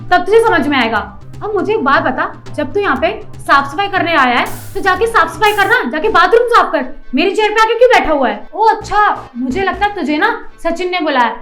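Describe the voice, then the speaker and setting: A woman's voice: very high voice, a bit bright. A woman playing a rude, haughty office manager in a short skit, talking down and scolding. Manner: scolding, bossy, condescending.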